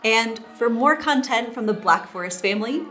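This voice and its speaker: A playful woman chats her way through a casual co-hosted vlog. She giggles and rambles in an easy, unpolished way. Faint music plays quietly behind her. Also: on the high side, animated, normal speed. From United States. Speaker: co-host of a couple's vlog.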